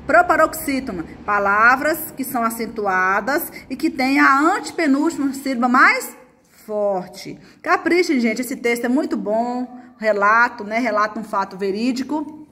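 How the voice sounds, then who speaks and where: A Brazilian woman, a mother and teacher, leads a remote lesson for schoolchildren, chatty and coaxing and often saying "gente." Her adult voice is fairly high, bright and forceful, animated yet unhurried.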